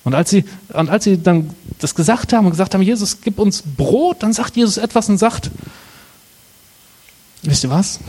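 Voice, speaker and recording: A young adult man preaching a sermon, with dramatic pauses and slow, emphatic phrasing. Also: high voice, expressive, darkish tone, breathy edge. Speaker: pastor.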